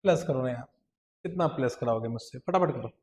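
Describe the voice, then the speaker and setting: An Indian man's brisk, mid-range voice leads an accounts lecture. He nudges the class along with constant questions and folds terms into his talk.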